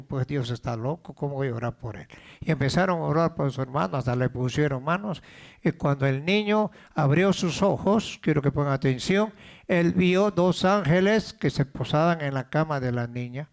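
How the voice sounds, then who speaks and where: A man's voice: fairly high pitch, gravelly. A man preaching a sermon as pastor of a church, repeating words as he builds up and calling out questions to the congregation.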